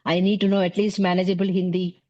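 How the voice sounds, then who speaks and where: In a conversational interview, a middle-aged guest from South India talks easily about her teaching in Indian-accented English, peppering it with "you know, like." She speaks fast in a lowish voice, and the audio sounds dull.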